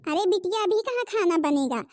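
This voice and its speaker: A woman voicing a cruel, bossy stepmother in an animated cartoon, scolding and threatening. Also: very high voice, moderate pace, dry recording, clean studio sound.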